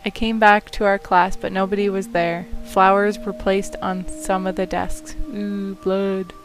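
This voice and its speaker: A woman's voice: medium pitch, level tone, normal speed, faint music behind. A young woman streaming a story game, reading the narration aloud and adding casual, wry asides.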